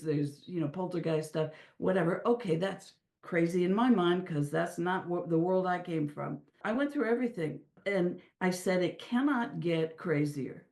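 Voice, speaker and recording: A middle-aged woman talking as an interview guest, telling stories in an animated way with frequent restarts. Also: lowish voice. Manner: animated storyteller with many restarts. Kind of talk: casual interview talk. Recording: echoey room.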